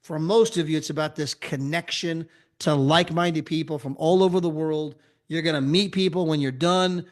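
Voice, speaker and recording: An American man gives an energetic sales pitch for a travel club at a moderate pace, often checking in with "right?" and "okay?".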